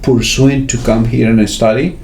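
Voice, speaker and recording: A man speaks as a podcast guest, pausing on fillers and checking in with tag questions. His tone is mellow and relaxed. The room around him is roomy and echoes. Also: medium pitch, a little hiss or hum. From Venezuela. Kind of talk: casual interview. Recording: roomy echo.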